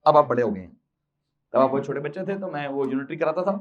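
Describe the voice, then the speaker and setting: A man's voice: on the high side, expressive, fast. Questioning male physics teacher, lo-fi. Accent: Pakistani Urdu. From Pakistan. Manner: quizzing students with repeated questions, mixing in English. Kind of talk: classroom lecture.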